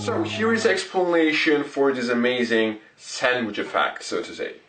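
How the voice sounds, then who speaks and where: A man presenting card tricks and explaining them step by step, in deliberate, short broken phrases. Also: medium pitch, very animated, music in the background. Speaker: magic tutorial presenter. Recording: roomy echo, distant microphone.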